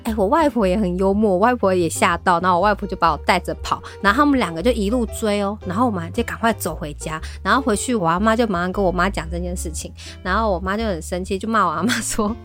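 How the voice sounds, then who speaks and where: Animated woman storyteller. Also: medium pitch, quick pace, hardly any pauses, soft background music. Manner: animated storytelling, often laughing. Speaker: podcast co-host. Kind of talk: casual chat.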